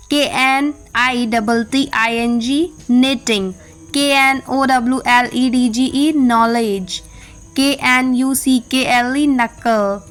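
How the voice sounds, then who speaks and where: This is an Indian woman teaching English pronunciation, with a slightly high voice. She speaks very slowly and deliberately, spelling out each word letter by letter. Faint music plays softly underneath her. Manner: slow, deliberate spelling-out of words. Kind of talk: Hindi-English language lesson.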